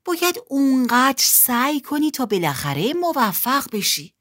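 A kind big sister from a children's storybook, always encouraging, voiced by a woman. Her pitch rises and falls lively. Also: full character voice.

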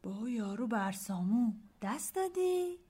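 A woman's voice: a little high, very animated, warm tone, husky. A woman voicing a curious, sulky young deckhand boy, reading a storybook aloud.

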